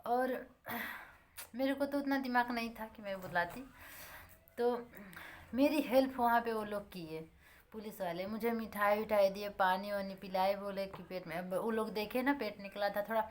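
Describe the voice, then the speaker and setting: A young woman vlogger recounts a personal story for her followers. Her voice sits at an ordinary middle pitch, and she tells it plainly, circling back over the same points and calling her viewers friends. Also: steady tone, normal speed.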